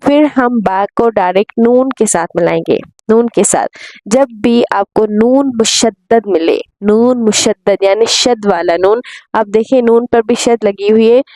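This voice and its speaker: A woman with a slightly high, mellow voice teaches tajweed at a very unhurried pace. She patiently spells out letters and vowel marks and draws out the recited syllables. The recording is dry and close. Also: no echo. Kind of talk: tajweed lesson.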